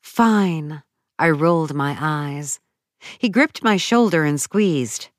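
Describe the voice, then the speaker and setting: Slow, low-voiced woman narrator. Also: animated, no echo, clean studio sound. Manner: slow, measured and dramatic. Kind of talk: first-person audiobook narration.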